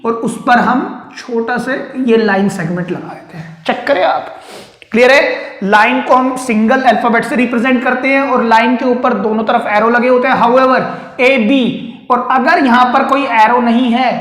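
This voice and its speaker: A man's voice: extremely high pitch, normal speed, fairly bright tone, roomy sound. A man teaching maths at a board, mixing English terms into his Hindi, checking understanding and asking and answering his students' questions himself. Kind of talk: board lecture. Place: room with a board.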